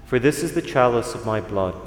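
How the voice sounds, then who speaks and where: In a large church full of cathedral echo and long reverb, a priest recites liturgical prayer in a mid-range, expressive voice. His delivery is solemn, measured, and formal, over faint background noise.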